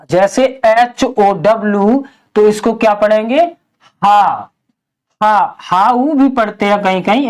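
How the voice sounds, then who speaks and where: Woman teacher, very slow and patient, spells words out letter by letter, mid-pitched voice. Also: darkish tone. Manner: spells out letters slowly, asks and answers own questions. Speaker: English teacher.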